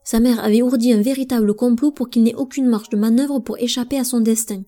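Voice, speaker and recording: Lady narrating an audiobook, mellow and expressive, soft music under. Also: on the high side, a little fast. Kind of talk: scripted narration.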